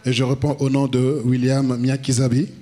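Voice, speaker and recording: A man in his forties from the Republic of the Congo, preaching in a church hall on a handheld mic and pausing in short phrases for his interpreter. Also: medium pitch, flat delivery, dark tone. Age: 40s. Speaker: apostle, guest preacher. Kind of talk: sermon with interpreter.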